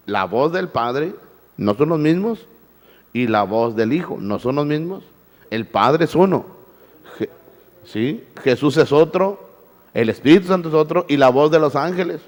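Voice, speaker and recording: A man's voice: mid-range voice, a little mellow, in a large hall. A male pastor preaching a sermon, firing rhetorical questions at the congregation and repeating his words. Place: church.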